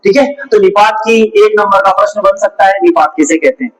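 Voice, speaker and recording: This Hindi teacher's voice is high and fairly quick, and the audio quality is poor. He runs a classroom-style grammar lesson, going over points again and again and posing rhetorical questions.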